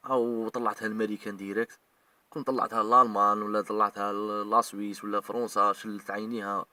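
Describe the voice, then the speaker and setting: Fast, sharp-voiced Algerian man ranting. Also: fairly low pitch, flat delivery, no echo, distant mic. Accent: Algerian Arabic. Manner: emotional, scolding, addresses people directly. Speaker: online commentator. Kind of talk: heated video rant.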